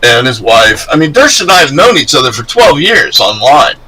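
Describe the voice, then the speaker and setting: Animated man telling a story. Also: mid-range voice, moderate pace, slight background noise, low-quality recording. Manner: animated storytelling, laughs often. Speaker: co-host. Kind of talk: casual live-stream chat.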